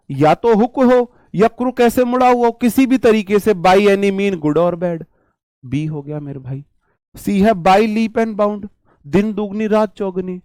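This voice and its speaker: A man teaching English idioms to exam students in casual Hinglish, with an Indian English accent. He slows right down to spell out each English phrase and calls his students "my brother.". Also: high voice, a little mellow, no room sound. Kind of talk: casual live vocabulary lesson.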